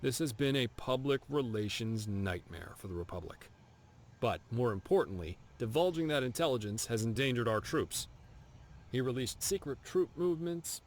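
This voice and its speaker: A man's voice: medium pitch, a little hiss or hum, natural voice. A man playing a stern military officer. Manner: formal, clipped, contemptuous of traitors. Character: stern male military officer handing out a kill contract. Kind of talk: video game dialogue.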